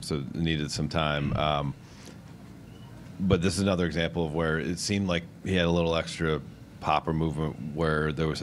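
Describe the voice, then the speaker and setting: A man's voice: rumbling low, a little hiss or hum. A man reporter carefully posing a long question at a press conference. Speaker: sports reporter.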